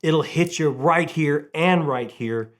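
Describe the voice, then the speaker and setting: Taking things slowly in a voice on the high side, a middle-aged man hosts a book review channel. He chats about books casually and enthusiastically, often repeating phrases for emphasis.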